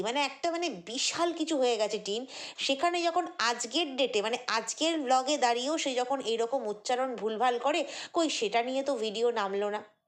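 A woman vlogger, giving an indignant, chatty commentary monologue full of fillers and repeated words. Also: high-pitched. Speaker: vlogger commenting on other creators.

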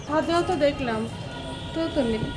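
A woman speaks quietly and sounds upset in casual talk at home. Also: high-pitched, brisk, soft background music. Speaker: vlogger's wife.

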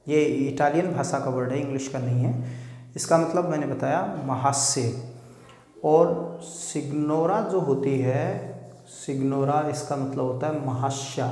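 A man's voice: medium pitch, darkish tone. A man teaching an exam-prep grammar lesson, explaining patiently and checking in with his students. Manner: explanatory, repeats points, checks with "ठीक है". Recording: echoey room with long reverb.

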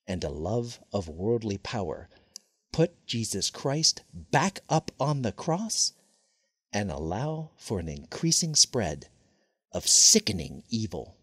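A man delivers a slow, deliberate sermon voice-over, his tone husky and breathy. His pitch rises and falls widely as he presses each point with solemn emphasis. The sound is close and dry, with no room around it. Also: no room sound. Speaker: preacher. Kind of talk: scripted sermon narration.

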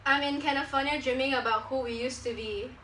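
A young adult woman vlogger chats casually to camera in a small living room and makes prank phone calls, giggling throughout. Her voice sits high, with a steady, sharp tone and fast delivery. The camera mic is a few steps away, leaving the sound roomy, noisy and distant.

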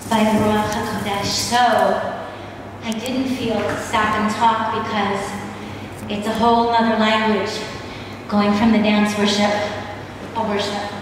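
A middle-aged dance minister with a medium-pitched voice leads a church women's gathering, giving an informal ministry talk from the stage of a large wood-panelled hall or church. She is warm, chatty and easily sidetracked, clearing her throat often because her voice is going. Her handheld mic is picked up by a distant camera, so the recording is noisy, with roomy hall echo.

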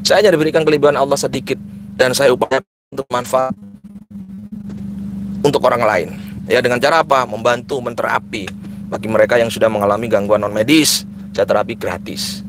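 A man's voice: medium pitch, steady tone, brisk, pauses often, noisy background. A man, chatting casually on a live stream, repeating phrases and mixing in prayers. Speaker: live-streaming spiritual healer vlogger. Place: car at night.

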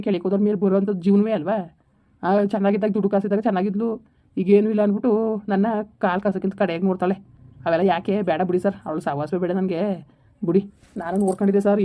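A woman playing an aggrieved husband who rapidly complains about his wife in a village family drama. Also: mid-range voice, close to an everyday voice. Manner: rapid, complaining, pleading to an officer. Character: aggrieved middle-aged husband, bitter toward his wife. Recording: dull lo-fi recording.

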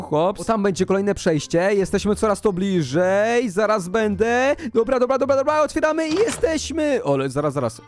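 Excitable high-pitched man playing a game. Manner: excitable, playful, talks to young viewers. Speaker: gaming channel host. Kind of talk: Minecraft let's play commentary.

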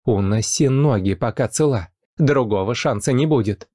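A man voicing a scheming young wife who speaks quickly and sweetly, with a dark, dry voice raised in pitch. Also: dry recording, close to an everyday voice. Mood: spiteful. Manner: fast, sugary, pleading then spiteful.

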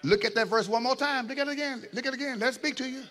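A man preaching a sermon as a bishop, calling to the congregation and swinging from low asides to shouts. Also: very fast.

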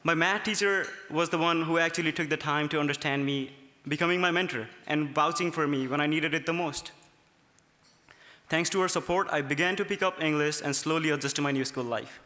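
Reading earnestly from his notes, a young Nepali man gives a prepared student speech at a gala, his high-leaning voice sharp in tone and fairly quick. Podium microphones capture him amid the long reverberation of a large, ornate hotel ballroom.

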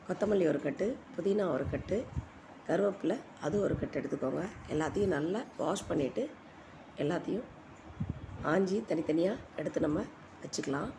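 A woman giving an informal recipe voice-over as a home cook, her voice hoarse and giving out. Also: sits low, normal speed. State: hoarse, voice giving out from a cold-weather strain. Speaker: home cooking video host. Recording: noisy home voice-over recording.

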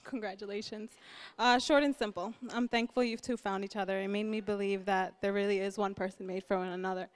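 A young woman gives a brief wedding toast and keeps it short and simple. Her voice sits in a middle pitch. She giggles between her lines. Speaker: friend giving a wedding toast.

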